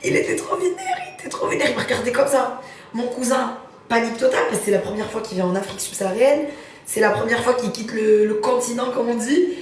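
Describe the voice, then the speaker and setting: A young woman hosting a live stream, telling a story in lively, slangy casual talk. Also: on the high side, fairly quick, a little hiss or hum. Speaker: livestream host. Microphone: phone. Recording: roomy, far from the phone mic.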